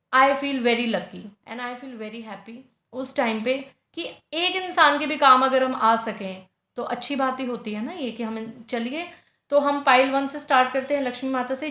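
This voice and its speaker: A woman with a high, fairly bright voice reads tarot piles in a casual video, sounding earnest and pleading as she mixes English phrases into her speech. The room sound is echoey, dull, and lo-fi.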